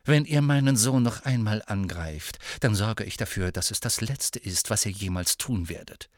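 A man's voice: lowish voice, moderate pace, dry recording, studio quality, lightly acted. A man voicing a cold, haughty aristocratic mother, cool and disdainful, in a storybook reading.

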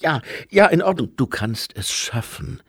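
A man voicing Lucé, a wiry older monk, speaking in an urgent, loud and pressing way. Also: medium pitch, big pitch swings, unhurried, slightly rough, dry recording, studio quality, voice pushed up, full character voice. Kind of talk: audiobook character voice.

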